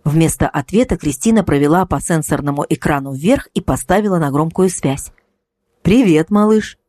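A woman narrating an audiobook in an expressive, animated manner. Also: low voice, fairly quick, no echo, clean studio sound.

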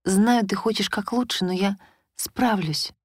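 A woman voicing a frightened, tearful young wife who speaks meekly and quietly. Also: mid-range voice, steady tone, a little slow, husky, no room sound, studio quality, voice pushed up. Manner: meek, pleading, quiet.

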